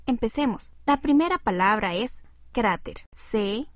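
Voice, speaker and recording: Woman, higher voice, radio lesson host, dry lo-fi sound. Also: big pitch swings, no room sound. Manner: slow, clear dictation and encouraging prompts to the listener. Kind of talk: scripted educational radio dialogue.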